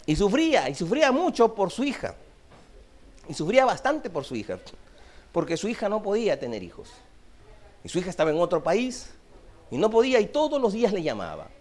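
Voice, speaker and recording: Hombre predicando con mucha expresión. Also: male voice, a little fast, pauses often. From Peru. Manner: animated, swinging from loud emphasis to hushed low phrases. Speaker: pastor. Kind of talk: sermon. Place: church.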